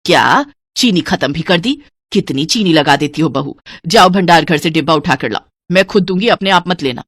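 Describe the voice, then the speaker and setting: A woman voicing a stingy, cunning older mother-in-law in an animated story, who scolds and counts every spoonful. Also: low-pitched, no echo. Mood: scolding. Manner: scolding, penny-pinching, counts slowly.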